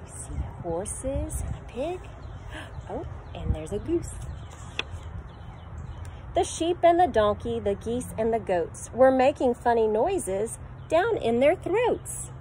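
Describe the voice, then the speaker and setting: A woman's fairly high, dark-toned voice carries a bit of hiss or hum in this outdoor clip. She is a middle-aged preschool teacher reading a picture book to children in a sing-song manner, sometimes doing animal sounds. She was filmed on a backyard deck with a phone camera held at arm's length.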